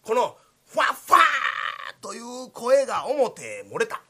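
A man with a Kansai accent narrating a comic story in a polite, measured way. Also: very high voice, very animated, fairly bright tone. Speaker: rakugo storyteller.

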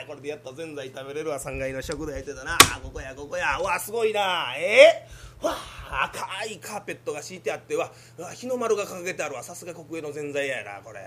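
A man's voice: fairly high pitch, fairly bright tone, a little hiss or hum. A man with a Kansai accent performing a solo comic sketch for a podcast, with grumbling, self-mocking asides. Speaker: podcast comedian.

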